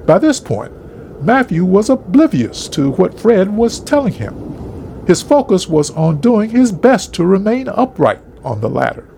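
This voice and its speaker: A man reading a story aloud in an expressive, dramatic narration style. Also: high voice, a little slow, gravelly, slight background noise.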